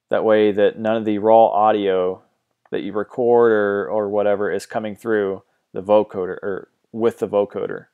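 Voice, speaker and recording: In a halting, casual manner, a man explains how a music-software routing setup works, his fairly low voice broken up by restarts and frequent ums. He's hosting a tutorial, recorded apparently on a mono mic at home.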